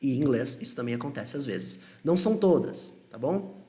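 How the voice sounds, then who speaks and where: A man's voice: medium pitch, animated, mellow. Patient Brazilian man teaching English. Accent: Brazilian Portuguese. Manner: patient, explanatory, slows to model English phrases. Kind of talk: live online English lesson, answering viewers.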